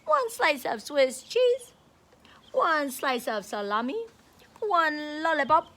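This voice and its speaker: Reading aloud and guiding young children through counting, a woman teacher uses a high, pushed, bright voice. She sounds sing-song, encouraging and teacherly in this animated lesson.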